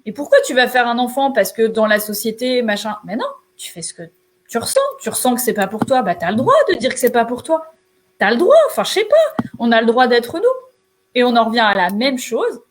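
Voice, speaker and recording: A woman's voice: on the high side, expressive, a little fast, a little hiss or hum. A woman entrepreneur co-hosting a show, giving casual motivational advice in an emphatic, colloquial way.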